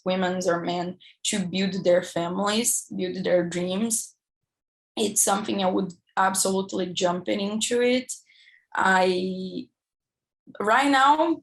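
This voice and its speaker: A young woman with a Brazilian accent, an egg donor speaking earnestly on a panel in slightly halting English. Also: mid-range voice, creaky. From southern Brazil. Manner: earnest, slightly halting, non-native phrasing. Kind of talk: personal account on a panel.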